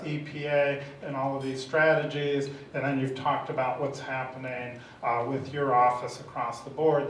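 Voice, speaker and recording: A man's voice: medium pitch, slight background noise. A man giving wry, argumentative remarks as a panelist in a panel discussion. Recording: echoey room, mic from far off.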